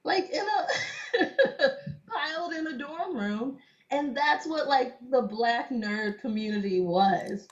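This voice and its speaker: Her voice sits high, swings hugely in pitch, and moves slowly. She's a young cosplayer being interviewed casually, a chatty storyteller who laughs often and says "like" constantly, all on a dull lo-fi recording.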